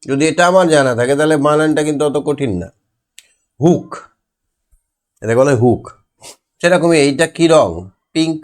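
A man's voice: fairly high pitch, moderate pace, long pauses. Patient man spelling words for children. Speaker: primary school teacher. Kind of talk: homework lesson for young children.

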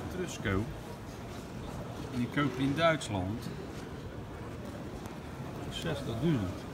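A man in his forties vlogging casually as he walks around outdoors, chatting relaxed into a phone held at arm's length. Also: mid-range voice, slow. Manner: chatty, relaxed running commentary. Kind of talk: casual walk-and-talk vlog. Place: outdoors at a campervan fair. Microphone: phone camera at arm's length. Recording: noisy outdoor phone recording. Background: outdoor ambience and vehicles.

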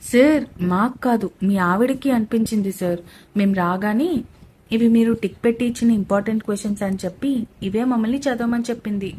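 A woman's voice: on the high side, brisk, darkish tone, husky. A woman doing Sandhya, an innocent chatty student. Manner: artless, chatty. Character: young female student, innocent and cheeky.

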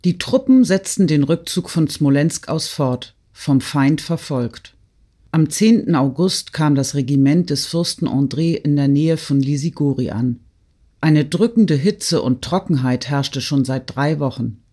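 Man narrating a classic novel. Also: fairly high pitch. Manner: steady, measured reading. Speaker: audiobook narrator.

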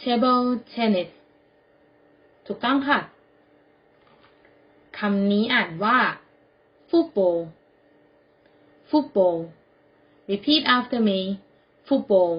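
A woman teaching children English vocabulary, saying each word clearly and spelling it out letter by letter. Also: a little high, expressive, very slow, pauses often, muffled recording. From Thailand. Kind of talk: slow classroom vocabulary drill.

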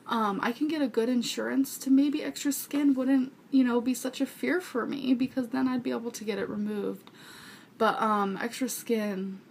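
A woman in her twenties, with a fairly high, gravelly voice and a slight hiss or hum, chats casually and earnestly to viewers, rambling a bit as she answers their questions. She's in a small furnished bedroom, recorded on a webcam or camera mic at arm's length.

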